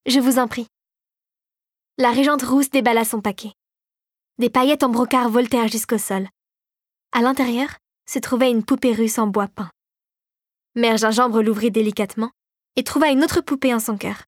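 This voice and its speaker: Calm woman narrating a storybook. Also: a little high, moderate pace, no room sound, clean studio sound. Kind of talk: audiobook narration.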